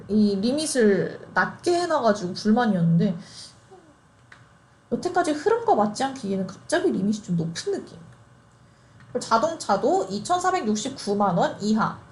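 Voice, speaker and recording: Laughing often and posing rhetorical questions, a young woman in her twenties walks listeners through housing programs in a casual explainer. Her pitch runs on the high side with a darkish tone, and there's a faint hiss or hum.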